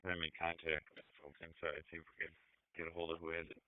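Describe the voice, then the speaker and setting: A man's voice: sits low, monotone, fast, no room sound. A man reporting from the field as an officer on police radio, through a two-way radio. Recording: narrow, tinny scanner radio audio.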